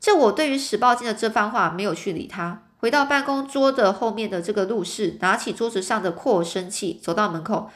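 A woman's voice: medium pitch, brisk, hardly any pauses, fairly bright tone. A woman reading a detective storybook aloud in a casual way, with many filler particles.

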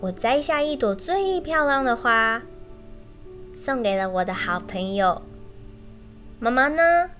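A woman teacher, reading a children's picture book in a gentle, sing-song way and speaking directly to the children. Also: on the high side, big pitch swings, slow pace, long pauses, faint music behind. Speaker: kindergarten storyteller teacher.

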